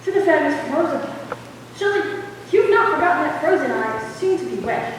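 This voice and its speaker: A brash, affectionate young gentleman, played by a woman, speaks in a high, lively stage voice. The delivery is breezy and declamatory, heard from far off in a theatre hall. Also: a little fast, slight background noise. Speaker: actor in a stage musical. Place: school theatre stage, audience recording.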